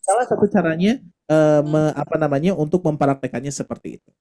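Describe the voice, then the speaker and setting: A man teaches a recitation class online, explaining each point patiently and sounding out letters for his students. His voice sits a little high but comes across dark and mellow. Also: fast.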